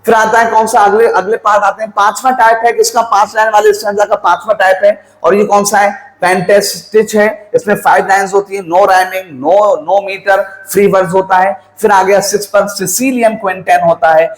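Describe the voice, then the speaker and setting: In a classroom lecture on poetry, a man poses questions and answers them himself, counting out rhyme schemes letter by letter and mixing in English terms. His voice is high and fairly flat, at normal speed with few pauses, and the audio quality is poor.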